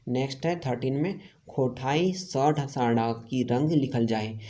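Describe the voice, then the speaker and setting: A man's voice: mid-range voice, unhurried, dark tone. A man from India with a Jharkhand accent, teaching an online exam-prep lesson and going through quiz answers one by one, asking each question aloud and then answering it himself.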